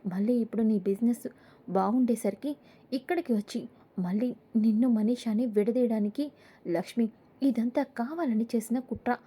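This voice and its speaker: A woman's voice: fairly high pitch, moderate pace, warm tone, breathy edge. Devayani, a woman reading a scheming schemer. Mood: scornful. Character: scheming spiteful woman, scornful. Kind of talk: serial episode recap read aloud.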